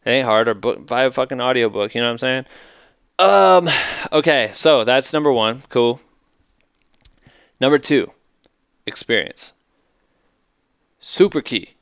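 A man's voice: mid-range voice, expressive, a little slow, vocal fry, long pauses, fairly bright tone, clear, resonant tone, no echo, clean studio sound. A man in his thirties hosting a podcast, giving casual advice in a profane, emphatic, rambling way on a headset mic in a hotel room. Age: 30s. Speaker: podcast host. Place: hotel room at night, indoors.

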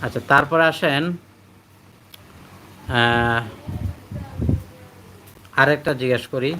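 A man teaching a live online Quran reading class. He patiently drills letters and syllables, repeating them slowly, and reads out and praises his students' answers. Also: medium pitch, background noise.

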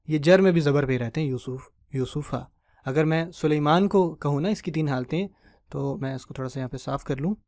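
A man teaching an online grammar lecture, patient and explanatory, who checks in with his listeners often and spells out word endings slowly. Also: on the high side, a little mellow, dry recording, studio quality.

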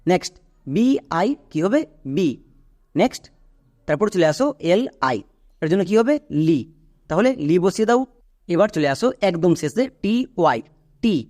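A man with a Bengali accent gives a classroom-style English lesson in a fairly high voice. He works through each point step by step and speaks directly to the learner, asking questions and then answering them himself. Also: animated, normal speed, pauses often, a little mellow. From Bangladesh or West Bengal. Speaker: English teacher.

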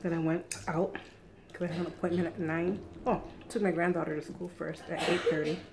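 Middle-aged woman host, slightly low voice, casual and chatty between bites, home recording with audible background noise. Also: little pitch movement, brisk, creaky. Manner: chatty, eats and talks with mouth full. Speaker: eating show host. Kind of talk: casual chat while eating.

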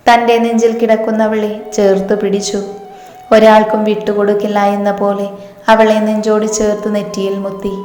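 Evenly reading woman in an echoey room. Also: mid-range voice. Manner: steady, measured reading. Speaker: storyteller. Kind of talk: scripted narration of a romance story. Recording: echoey room with faint music.

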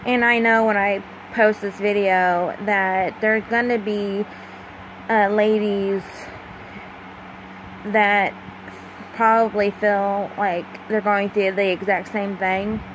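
Late at night in a small room at home, a 25-year-old vlogger confides in her phone, which she holds close to her face, her mid-range voice keeping a level tone. Her delivery is emotional and halting, full of pauses and fillers. A fan runs nearby, leaving a faint hum on the low-quality recording.

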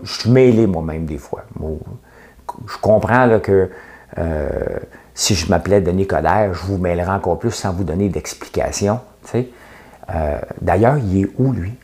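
A man's voice: deep voice, moderate pace, darkish tone. A middle-aged man with a Québécois accent giving a casual, opinionated monologue as the host of his own show, joking and sarcastic, full of "tu sais". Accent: Québécois French. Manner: chatty, sarcastic, jokes at his own expense, frequent "tu sais". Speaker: host of a daily commentary show.

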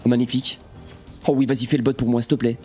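A young man giving excitable gameplay commentary to his viewers, breaking into sudden frustrated outbursts. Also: mid-range voice, fast talker, faint music behind. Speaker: gaming streamer.

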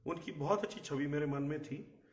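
Hoarse middle-aged man, higher-pitched voice. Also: normal speed, echoey room. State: hoarse, recovering from a bad cough. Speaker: journalist and live show host. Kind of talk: live political commentary. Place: outdoor terrace in the hills. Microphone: phone a short distance away.

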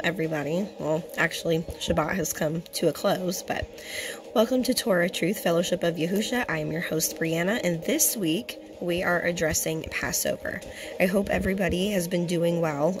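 A young woman with a hoarse, partly lost voice, giving a religious teaching as host and often clearing her throat. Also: lowish voice, normal speed. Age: young adult. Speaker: fellowship host and Bible teacher. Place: small indoor room. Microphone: phone at arm's length.

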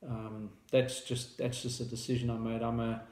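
This founder, a man in his thirties with a South African accent, gives a casual product explanation to the camera while sitting at a table in a small indoor room. His mid-range voice is flat and a little mellow, moving at a moderate pace in a roomy acoustic. He hesitates often, with fillers and restarts.

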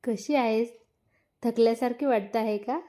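A woman's voice: fairly high pitch, steady tone, measured pace, warm tone, natural voice. A woman voicing a teasing, eager young husband, playful and insistent, in a read-aloud story.

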